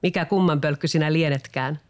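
A man's voice: fairly high pitch, steady tone, close to an everyday voice. A man voicing a kindly, proud old carpenter, close to his own voice. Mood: fond. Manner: warm, proud.

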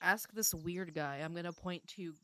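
A woman's voice: fairly low pitch, normal speed, bright, forceful tone. A woman playing a tabletop game, teasing and dry. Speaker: player. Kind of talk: casual tabletop gaming.

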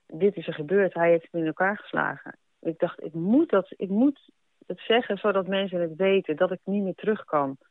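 A woman's voice: on the low side, dry recording. Woman telling her story over narrow radio sound. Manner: reflective, halting storytelling. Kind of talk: personal account. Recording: narrow radio-broadcast sound, faint music.

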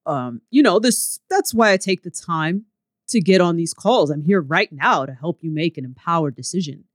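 A woman putting on a lower man's voice to play a pushy, smooth-talking male sales coach who presses hard. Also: animated, normal speed, no echo, clean studio sound. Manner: persuasive, pressuring sales pitch.

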